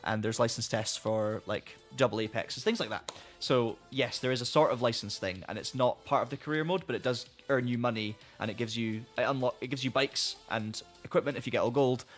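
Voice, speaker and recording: Male streamer, mid-pitched, casual and rambling, a bit hoarse, faint music bed. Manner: rambling, friendly, many restarts. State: losing his voice. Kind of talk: casual live-stream chat.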